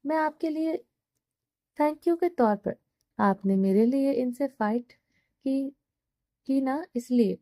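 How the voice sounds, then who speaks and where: A woman's voice: sits high, long pauses, mellow, no echo, studio quality. A woman voicing a proud, defiant young wife in an audio novel, stubborn and spirited. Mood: hesitant.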